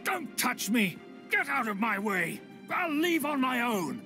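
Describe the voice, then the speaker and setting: A man's voice: very high voice, big pitch swings, unhurried, exaggerated voice. An actor playing a scheming, arrogant nobleman in a video game, formal and haughty. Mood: indignant. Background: game music.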